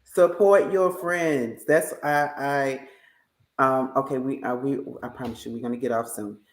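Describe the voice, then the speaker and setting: With a steady tone and measured pace, this mid-range speaker hosts a podcast, chatting easily with a guest and addressing listeners head-on in an effusive way. Everything sounds roomy, with echo bouncing around the space.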